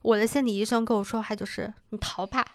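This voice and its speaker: A woman in her thirties with a fairly high voice talks over a close, dry mic. She chats casually and tells stories with life, often acting out the lines people said. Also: fast talker, dry recording. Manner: lively storytelling, acting out quoted lines. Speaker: podcast co-host. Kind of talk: casual chat.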